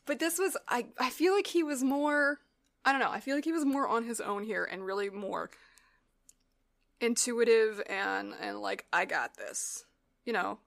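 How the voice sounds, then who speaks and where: A woman's voice: fairly high pitch, normal speed, vocal fry. A woman co-hosting a podcast, chatting casually and hesitantly, with many fillers and restarts. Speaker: podcast co-host. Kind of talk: casual chat.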